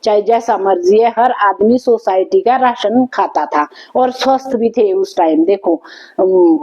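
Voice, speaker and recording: A woman vlogger, reminiscing to camera in an unhurried, reflective way with many thinking pauses. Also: fairly high pitch, a little mellow, dull audio. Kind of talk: casual reminiscing talk to camera.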